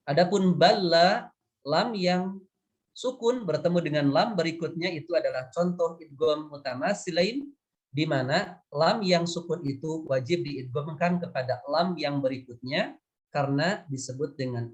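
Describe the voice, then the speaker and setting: A man explains recitation rules at a very slow, careful pace. His voice sits slightly high, and he repeats the key terms for emphasis. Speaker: tajwid teacher and interpreter. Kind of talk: lesson explanation.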